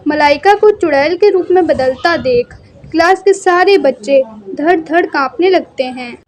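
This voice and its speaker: A woman narrating a cartoon story in a steady, scripted storytelling manner. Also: high-pitched, measured pace.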